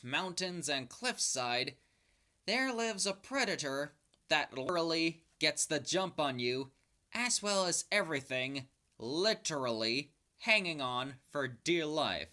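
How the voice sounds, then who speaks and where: A speaker presenting a countdown in a horror-host manner, with theatrically spooky asides and dramatic pauses. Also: mid-range voice, animated, bright, forceful tone. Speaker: host of a top-ten creature countdown video. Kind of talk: spoken countdown commentary, semi-improvised.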